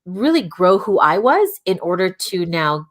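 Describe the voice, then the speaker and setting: Woman, middle-aged, from Hawaii, lowish voice, reflective, fillers and restarts, video call. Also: very animated, measured pace. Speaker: guest, audiologist. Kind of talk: casual interview conversation.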